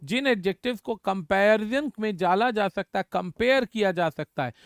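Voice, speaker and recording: A man's voice: high-pitched, moderate pace, smooth, no room sound, clean studio sound. A man teaching an exam-prep grammar lesson, drilling word forms and speaking to students as children. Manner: addresses students as "बच्चा", repeats words for drilling.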